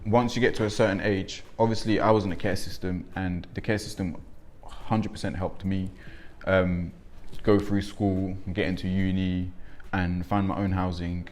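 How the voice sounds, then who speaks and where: A man's voice: sits low, flat delivery, moderate pace, few pauses, a little mellow. A man in his twenties, born in Congo and raised in England, speaking reflectively with frequent ums in a documentary interview. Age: 20s. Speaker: interviewee, young father.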